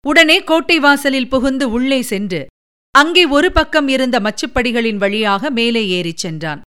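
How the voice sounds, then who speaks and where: A woman narrating a historical novel in steady, even storytelling. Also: sits high, normal speed, clean tone.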